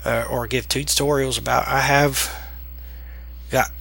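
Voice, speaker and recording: A man with a deep Southern US accent and slightly slurred S sounds, giving a casual, halting, rambling software tutorial. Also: flat delivery, vocal fry. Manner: halting, rambling delivery with trailing sentences. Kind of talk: casual unscripted screen tutorial.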